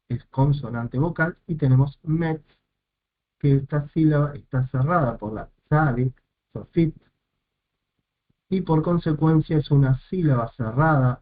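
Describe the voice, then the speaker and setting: A male teacher explains a lesson step by step at an unhurried, deliberate pace. He repeats each term before moving on, in a voice of middling pitch. The recording is narrow and tinny, like a phone line. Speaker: Hebrew teacher.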